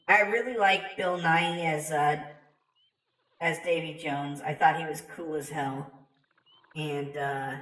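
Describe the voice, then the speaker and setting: A woman's voice: deep voice, a bit bright. A woman giving casual, rambling, chatty commentary as a game streamer, with some hesitation. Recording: roomy echo, distant from mic.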